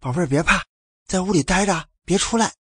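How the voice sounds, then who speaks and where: A man voicing a terrified young mother in her thirties, shouting shrill and desperate. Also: a little fast, husky, dry recording, studio quality. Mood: soothing.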